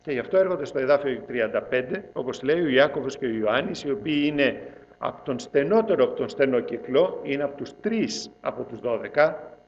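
A man delivers a sermon at an ordinary middle pitch. He reads scripture in a measured, deliberate way, then builds emphasis as he explains it. The church recording is dull and lo-fi, with a faint hum behind him. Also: animated. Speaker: preacher.

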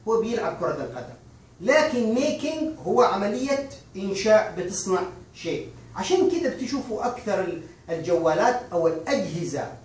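A man teaching a lesson, explaining patiently and repeating examples, slowing down on the English phrases. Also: high-pitched, darkish tone. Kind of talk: online language lesson. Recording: very echoey room, far from mic.

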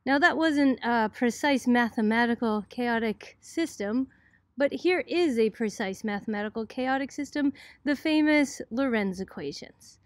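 Speaking at a measured pace in a slightly high voice, a middle-aged Bostonian explains things in a casual, conversational way that resembles an informal college lecture video. There's no echo on the recording.

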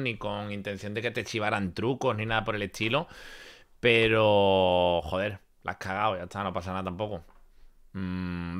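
A man calmly explaining his view of a dispute in measured commentary. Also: fairly low pitch. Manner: calm, explanatory.

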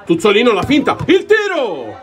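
A man with an Italian accent giving breathless, excitable live futsal goal commentary, shouting on shots. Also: normal speed. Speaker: sports commentator. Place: outdoor caged futsal pitch. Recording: outdoor pitch, crowd noise behind. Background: crowd.

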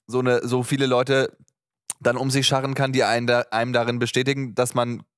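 Male host in casual, halting conversation. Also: medium pitch, little pitch movement, no echo, studio quality. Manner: halting, searching for words while asking questions. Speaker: interview host. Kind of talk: casual chat.

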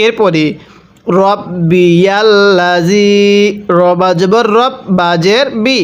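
A man teaching Quran reading, spelling out each word syllable by syllable in slow, drawn-out recitation, then explaining the rules and asking viewers to repeat after him. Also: high voice, steady tone, muffled recording. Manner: addresses viewers directly, asks them to repeat after him.

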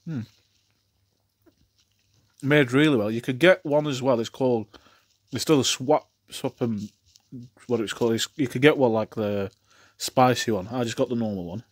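A man talks through a mouthful of food, chewing between words. His voice sits at an ordinary middle pitch, and he rambles and repeats himself as he praises the meal. The sound is dry and close, with no room echo. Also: moderate pace, long pauses. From England. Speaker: food reviewer. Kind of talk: casual food review vlog.

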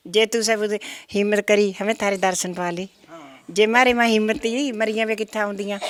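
An older woman who tells lively, folksy stories in a casual chat. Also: medium pitch, a little fast. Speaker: village elder interviewee.

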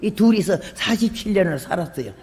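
An older woman missionary giving a sermon, telling folksy stories with humor and bursting into loud emphatic calls. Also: medium pitch, lively intonation, brisk. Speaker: missionary preacher. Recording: long hall reverb.

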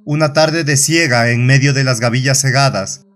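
A man with a Latin American Spanish accent reading a horror story aloud in a measured, dramatic way. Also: medium pitch, a bit bright, faint music behind. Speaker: narrator. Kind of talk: scripted horror audiobook narration.

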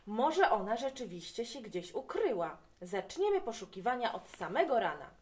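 A woman's voice: a little high, big pitch swings, moderate pace, a little mellow. A woman reading a hearty storybook dad. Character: kindly, good-humored storybook dad.

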